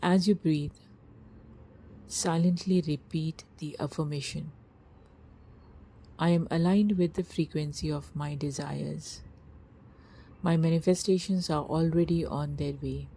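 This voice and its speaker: A woman narrates a scripted guided meditation in a soft, breathy, husky voice that is low-pitched and steady in tone. Her delivery is slow, hushed, and soothing, with long pauses.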